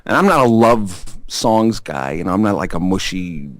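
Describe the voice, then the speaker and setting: A man with a New York accent telling stories in a casual interview, rambling and chatty with frequent pauses and restarts. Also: sits low, expressive, dry recording. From Staten Island, New York. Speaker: musician guest.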